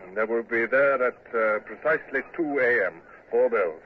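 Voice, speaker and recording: An actor playing a commanding, self-doubting British naval commander and narrator in an old-time radio drama, speaking formally. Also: male voice, medium pitch, normal speed, lightly acted. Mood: businesslike. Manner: formal, crisp orders and introspective asides. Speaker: lead actor and first-person narrator. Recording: muffled, noisy old radio recording.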